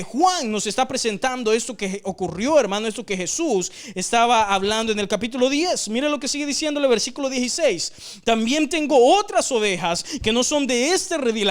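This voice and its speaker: A man with a very high voice leads a Bible study, teaching earnestly, repeating phrases for emphasis and often calling his listeners brother.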